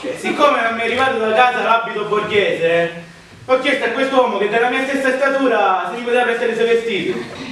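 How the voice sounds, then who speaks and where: A man's voice: extremely high pitch, a little fast, fairly bright tone. A young man playing a sheepish seminarian in a stage farce, explaining himself apologetically. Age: young adult. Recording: echoey hall, distant mic.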